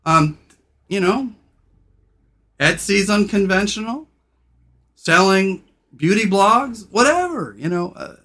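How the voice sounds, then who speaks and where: A man hosting a podcast, brash and irreverent, loud radio-style delivery that drops to low, slow, soft talk when sincere. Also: lively intonation. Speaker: podcast host. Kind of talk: casual podcast chat.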